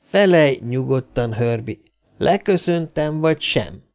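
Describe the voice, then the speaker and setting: A man reading an audiobook, voicing a stern old male scientist who speaks in a measured, cold way. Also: mid-range voice, animated, creaky. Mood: tense. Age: older.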